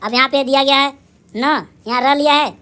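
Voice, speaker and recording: A woman teaching young children in a lively recorded lesson. She asks and answers her own questions, sounds out syllables slowly, and calls out cheerful praise. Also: high voice. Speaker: primary school teacher.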